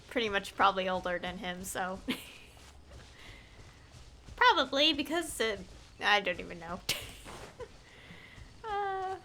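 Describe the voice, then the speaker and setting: A woman streamer commentates live gameplay casually, rambling and trailing off in a giggly way. Her mid-range voice is pushed and bright, with faint game music behind her.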